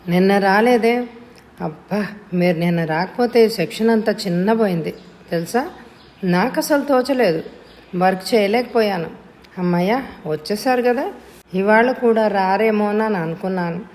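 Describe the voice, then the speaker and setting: A woman voicing a loud, chatty bank clerk in her thirties who greets and scolds coworkers. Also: medium pitch, moderate pace, in a large hall, natural voice. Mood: gushing.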